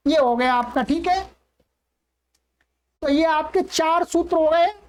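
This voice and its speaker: A woman teaching an online class, patiently repeating each sound slowly for her learners. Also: high voice. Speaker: Sanskrit teacher.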